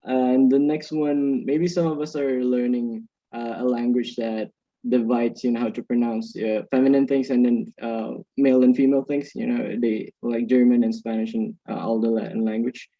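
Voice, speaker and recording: Halting man, muffled call audio. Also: mid-range voice, little pitch movement, warm tone, dry recording. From Indonesia. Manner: halting, searching for words. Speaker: audience questioner. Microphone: video call.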